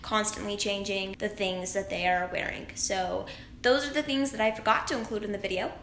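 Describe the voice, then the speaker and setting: A woman's voice: medium pitch, steady tone, a little fast, fairly bright tone. A teenage woman talking to her camera at home in a chatty, rambling, upbeat way as a vlogger. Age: late teens. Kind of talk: casual talk to camera. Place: room at home, echoey. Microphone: camera mic. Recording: echoey room, faint background noise.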